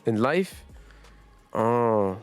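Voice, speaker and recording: A male player answers interview questions in loose, non-native English, leaning on "like" and "you know". His voice sits at an ordinary middle pitch. Quiet music runs behind him. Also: expressive, extremely slow, clear, resonant tone. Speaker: pro esports player. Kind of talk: casual interview chat.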